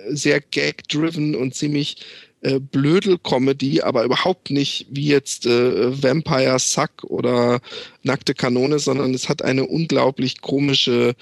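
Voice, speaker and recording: Gravelly man chatting about a film. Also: mid-range voice, no room sound, studio quality. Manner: rambling, many fillers and restarts, retells scenes. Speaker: film reviewer. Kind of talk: casual film recommendation chat.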